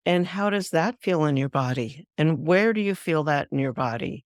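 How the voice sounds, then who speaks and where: A woman hosting a spiritual podcast, calmly explaining a practice step by step in an instructive solo talk. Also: deep voice, no echo, clean studio sound. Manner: calm, measured, guiding explanations. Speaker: spiritual teacher, podcast host.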